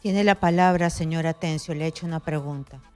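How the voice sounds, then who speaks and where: A woman's voice: low voice, brisk, a little mellow, clean tone, faint music behind. A woman hosting a live political debate, challenging her guests and cutting in. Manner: challenging, interjecting. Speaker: debate host.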